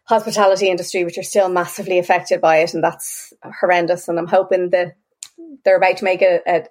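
A woman's voice: lowish voice, flat delivery, quick pace, a little mellow. Conversational woman interviewer. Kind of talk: casual interview chat.

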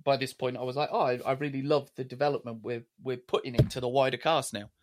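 A man co-hosting a podcast, chatting casually and relaxed about a TV series, with occasional swearing. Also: mid-range voice, fast. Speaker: podcast co-host. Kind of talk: casual TV review chat.

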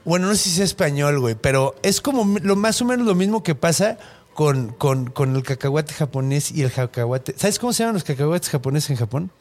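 Mexican male host, high voice, slangy storyteller. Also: brisk. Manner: slangy, animated, peppered with "güey". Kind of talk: casual storytelling chat.

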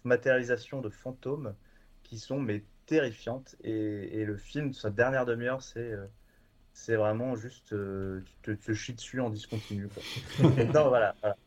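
A man's voice: lowish voice, fairly even intonation, moderate pace, a little mellow. A man chatting casually and enthusiastically, with many fillers and restarts. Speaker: guest from a horror streaming platform. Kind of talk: casual podcast chat.

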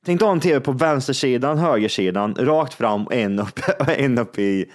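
A man in casual chat among friends, rambling and excitable, laughing often. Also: mid-range voice.

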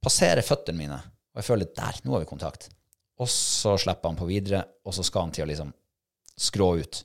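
A middle-aged man, telling a hunting-trial story in a casual chat and acting out his own thoughts and shouts. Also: low voice, expressive, gravelly. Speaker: podcast co-host, hunting dog handler.

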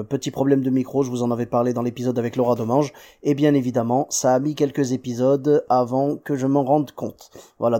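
A man's voice: mid-range voice, mellow, no room sound, studio quality. A man hosting a podcast in casual, friendly chat, with frequent hesitations and fillers. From Morocco. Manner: friendly, chatty, many fillers. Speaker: podcast host.

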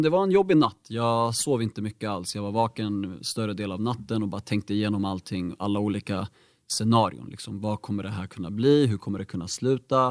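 A young man recounts a personal experience as an interview guest, in a fairly low voice. He speaks candidly and reflectively, often pausing on fillers. The sound is close and dry. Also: no room sound. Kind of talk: personal storytelling in a conversation.

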